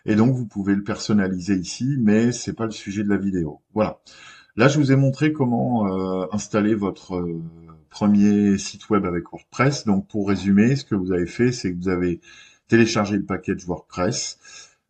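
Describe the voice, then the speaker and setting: A man hosting a screen-recorded web tutorial, talking in a relaxed way with many hesitations and restarts. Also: fairly low pitch, normal speed, slightly rough.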